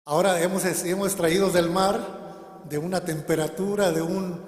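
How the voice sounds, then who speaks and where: Preacher guy with a high voice, keeps asking the congregation stuff, church hall with long echo. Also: steady tone, normal speed. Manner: calls the congregation "hermanos" constantly and asks them questions; varies loudness a lot, at times speaking very softly. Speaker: minister. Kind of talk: sermon. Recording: echoey hall with long reverb.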